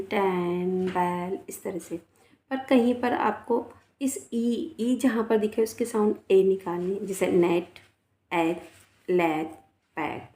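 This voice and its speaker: Slow, mellow woman teaching children phonics. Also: mid-range voice, echoey room. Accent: Rajasthan Hindi. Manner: slow, spells words letter by letter and repeats them; coaxing, often adds 'है ना' and 'बेटा'. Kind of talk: children's English phonics lesson.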